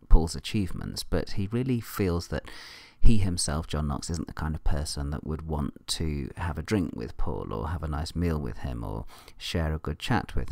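An English man hosting a solo podcast, giving a lively lecture-style talk and changing his voice to read out quotations. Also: very deep voice, gravelly, no room sound, clean studio sound. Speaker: podcast host, New Testament scholar.

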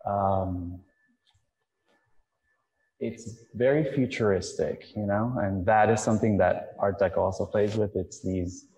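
A young man from Miami with a deep voice talks through his ideas slowly, pausing often and restarting his thoughts. He is recorded outdoors in a courtyard, with a long reverb trailing his words. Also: steady tone, warm tone. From Miami, USA. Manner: thoughtful, halting, many fillers and restarts. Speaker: choreographer and dancer, guest. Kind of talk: artist talk.

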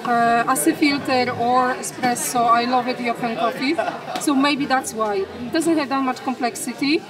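A middle-aged woman with a high voice gives slow, careful tasting notes as a coffee judge. She is recorded from a little way off by a handheld camera. A busy cafe crowd murmurs behind her. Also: steady tone, recorded from a distance, poor audio. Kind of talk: casual coffee tasting chat. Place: busy indoor coffee shop. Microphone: handheld camera held by companion.

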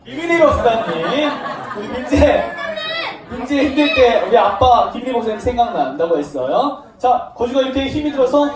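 A children's Sunday school teacher gives a children's sermon in a church classroom, animatedly asking the kids questions and playfully acting out lines of the story. Her voice is a little high and at normal speed. A distant mic in the echoey room picks up crowd noise.

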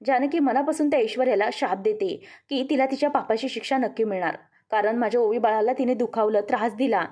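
Warm woman narrating a serial recap. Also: fairly high pitch, quick pace. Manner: vivid, emotive retelling addressing friends. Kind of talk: dramatic storytelling recap.

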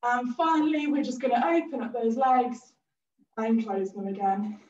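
A woman's voice: on the high side, fairly even intonation, normal speed, a little mellow. A woman leading a cardio class, giving upbeat cues and countdowns while out of breath. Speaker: fitness instructor. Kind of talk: workout instruction with countdowns. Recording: roomy, distant and a bit dull.

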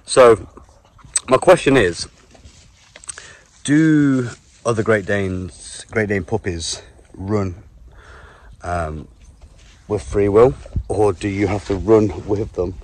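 A man's voice: lowish voice, slow pace, long pauses. A man out of breath, chatting casually to camera while walking his puppy in an open field. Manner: chatty, laughs often while handling the puppy. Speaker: vlogger, dog owner. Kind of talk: casual vlog talk to camera.

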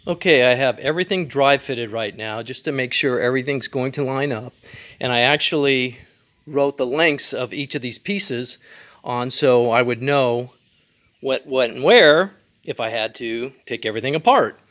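On his DIY channel, a male host explains a build one step at a time, including the measurements, in a calm, plain, methodical style. His voice is mid-range and his pace moderate.

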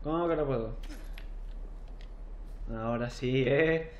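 A man commenting on a horror game as he plays, swearing and shouting when something scares him. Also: medium pitch, takes it slowly, highs cut off, slight background noise. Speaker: gameplay commentator. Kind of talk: let's play commentary. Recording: roomy echo with faint game ambience.

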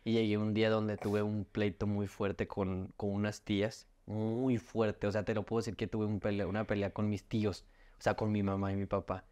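A young man with a Mexican accent, heartfelt and halting as he tells his own life story on a podcast, often restarting his words. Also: fairly low pitch, little pitch movement, a little mellow. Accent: Mexican Spanish. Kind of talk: emotional personal storytelling.

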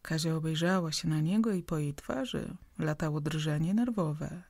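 Gravelly low-voiced woman narrator. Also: dry recording, studio quality. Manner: even, measured reading. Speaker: audiobook narrator. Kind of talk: scripted narration.

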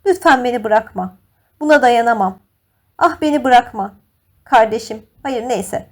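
A woman's voice: sits high, expressive, moderate pace, a little mellow, pitched above the performer's own voice. A woman voicing a heartbroken young actress who pleads tearfully and imploringly with her lover. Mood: pleading.

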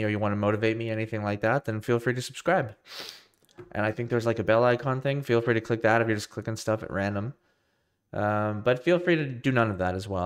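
A man with a somewhat low voice, sounding nasal as he gets over a cold. He chats loosely and with self-deprecating humor to viewers of his live coding stream, often starting over mid-sentence. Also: clear, resonant tone. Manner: rambling, loose and self-deprecating, many restarts. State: tail end of a cold. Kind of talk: casual live-stream chat. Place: home room with a computer rack.

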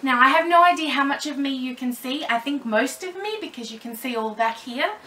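A woman's voice: high-pitched, animated, a little fast, sharp tone. A woman chatting casually to her camera while packing a parcel at home, a little nervous and apologetic, with her camera mic set a fair way away from her. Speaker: doll vlogger.

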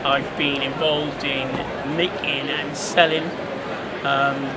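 A man's voice: medium pitch, flat delivery, takes it slowly, heavy background noise. A man in his fifties with a Cardiff Welsh accent, giving a casual interview as a craft trader. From Cardiff, Wales. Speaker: craft trader and prop maker. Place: large busy indoor convention hall. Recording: loud convention crowd behind.

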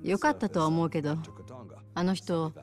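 A woman playing a gentle, worried and caring character in a video game drama, questioning softly. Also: lowish voice, moderate pace, soft background music, lightly acted. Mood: relieved, puzzled.

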